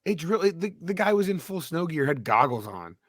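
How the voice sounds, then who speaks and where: A young man from New Hampshire, a podcast co-host, telling a story in casual chat, animated and swearing. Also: on the high side, a little fast, no echo, studio quality. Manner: animated, swearing, acts out quotes loudly.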